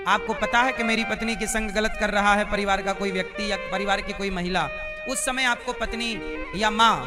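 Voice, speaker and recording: A man preaching a live devotional sermon, repeating his points with emphasis and asking the crowd rhetorical questions that they answer aloud. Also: high voice. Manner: repetitive, emphatic teaching cadence. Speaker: preacher giving a religious discourse.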